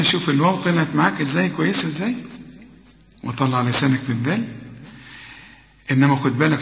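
A man with an Egyptian accent teaching Quran recitation, explaining rules step by step and chanting slow, drawn-out examples while quizzing his student. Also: a little high, gravelly, a bit bright. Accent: Egyptian Arabic. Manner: talks straight to the student, correcting and quizzing. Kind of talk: tajweed lesson. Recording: echoey hall, dull lo-fi sound.

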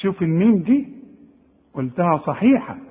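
Egyptian male recitation teacher, husky and high, animated corrections, tinny phone-like audio with hall reverb. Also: moderate pace. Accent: Egyptian Arabic. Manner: animated, demonstrates letter sounds, corrects the listener. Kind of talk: colloquial tajweed lesson.

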